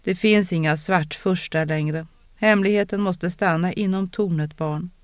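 A narrator doing Sheriam, hushed and stern. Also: no room sound, close to an everyday voice. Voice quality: low, measured, hushed. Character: calm, stern older woman mentor. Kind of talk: audiobook character reading.

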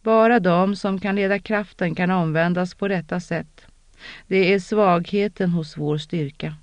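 A narrator voicing a calm, stern older woman mentor who speaks low and measured, in an audiobook reading on a dull, lo-fi recording. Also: no echo, close to an everyday voice.

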